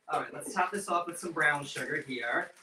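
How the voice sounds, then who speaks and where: A man's voice: a little high, normal speed. A man from the northeastern United States hosting a casual cooking demonstration with campy, teasing drag-queen patter. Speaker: host leading a cooking segment. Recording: echoey, distant mic with loud background noise.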